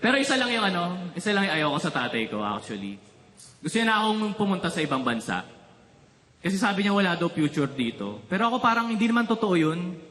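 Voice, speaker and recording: Animated Filipino stand-up comedian, bright voice. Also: male voice, sits high, quick pace, roomy sound. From Philippines. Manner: animated storytelling, teasing the crowd. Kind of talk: stand-up routine.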